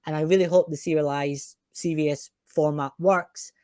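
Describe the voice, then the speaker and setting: A man's voice: on the high side, fairly even intonation, moderate pace, warm tone, clean tone, no echo, studio quality. A man hosting a podcast, chatting in an opinionated, chatty way with some fillers. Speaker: podcast host. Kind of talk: casual chat.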